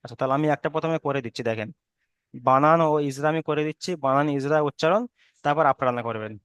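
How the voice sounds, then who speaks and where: Man teaching Arabic reading, smooth voice. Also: mid-range voice, fairly bright tone, no room sound, dull audio. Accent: Bengali. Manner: patient, repeats spellings slowly, corrects students. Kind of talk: online Arabic reading lesson.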